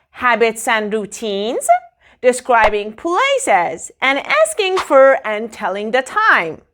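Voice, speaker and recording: A woman teaching English phrases in a clear, emphatic, sing-song way. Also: sits high, fairly bright tone. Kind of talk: slow instructional explanation.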